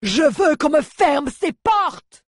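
A narrator pushes the voice up high to play a furious army general who barks orders at his men and spits contempt at every failure. The voice is raised and loud, husky at the edges, with a dry close sound. It is storybook reading. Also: expressive, normal speed, dry recording, full character voice. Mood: shouting, furious. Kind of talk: audiobook character voice.

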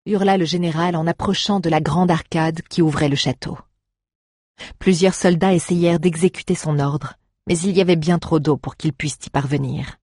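An audiobook narrator with a husky, slightly breathy, medium-pitched voice reads an adventure story at a steady, dramatic, moderate pace. It's a scripted storybook reading, recorded dry and close with no echo or room sound.

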